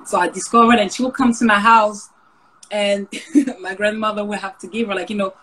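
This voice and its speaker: Here the same French interviewee, who grew up in the Paris suburbs, talks over a video call in a relaxed, thoughtful way. She speaks fairly quickly with fairly even intonation, her medium-pitched voice fairly bright, though the recording quality is rough.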